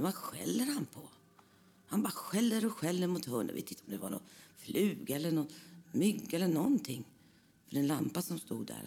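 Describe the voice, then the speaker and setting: A woman narrating a spooky first-person ghost story in a hushed voice that often slips into whispers. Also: deep voice, vocal fry, a little hiss or hum.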